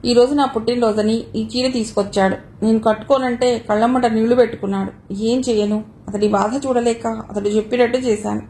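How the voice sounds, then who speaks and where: A woman's voice: a little high, steady tone, fairly quick, hardly any pauses, mellow, slight background noise, close to an everyday voice. A woman reading the part of a proud young woman in an audio novel, speaking in a cool, matter-of-fact way.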